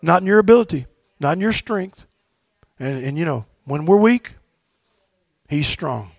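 A man preaching a sermon as pastor in a church, swinging from shouted exhortations to low, quiet asides and leading call-and-response with his congregation. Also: expressive, unhurried, gravelly, no room sound, studio quality. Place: church sanctuary.

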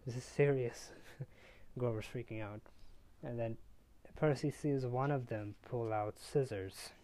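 A young man hosting a podcast, recapping a book chapter casually with lots of fillers and quick voices for the characters, recorded on a tablet on his bed. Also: mid-range voice, warm tone. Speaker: podcast host. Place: bedroom, on a bed. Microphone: tablet built-in mic.

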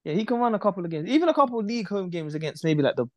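A man's voice: high voice, sing-song, racing, dry recording. A man with a London roadman accent chatting casually about football, slangy and sweary. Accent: London, urban street slang. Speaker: football podcast panellist. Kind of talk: casual chat, football banter.

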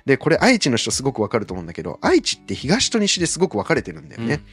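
A man's voice: mid-range voice, wildly swooping pitch, rapid-fire, slightly rough, faint music behind. A man hosting a casual talk show, explaining history step by step with many fillers. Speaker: podcast host explaining Bible history.

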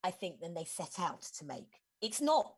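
A woman's voice: fairly low pitch, very animated, moderate pace, slightly rough. A woman in her forties, co-hosting a casual podcast and explaining a film's plot in a chatty way, with frequent restarts. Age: 40s. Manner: chatty, restarts often, explains plots in detail. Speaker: film reviewer co-host. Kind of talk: casual podcast film review.

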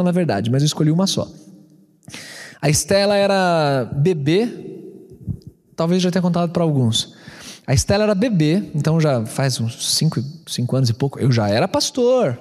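São Paulo pastor, 30s, high-ish voice, animated storyteller, reverberant church hall. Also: male voice. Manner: animated, acts out both sides of a quarrel. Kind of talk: storytelling sermon.

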